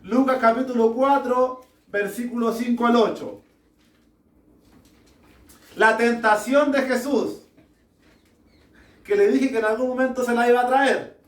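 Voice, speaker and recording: A man preaching a sermon to a small congregation, slow and deliberate, putting rhetorical questions to his listeners. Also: very high-pitched, steady tone. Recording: echoey room, mic far off.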